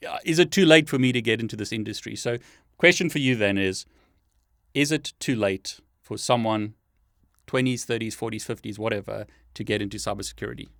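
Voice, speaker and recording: A man's voice: fairly low pitch, brisk, fairly bright tone, no echo, clean studio sound. A man hosting an interview, asking questions in a friendly, casual way. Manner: friendly, asks questions with light laughter. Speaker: show host interviewer.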